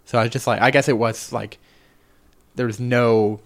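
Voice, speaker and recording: A man's voice: medium pitch, steady tone, normal speed. A man hosting a casual movie podcast, laid-back, laughing often and cursing casually. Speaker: podcast host.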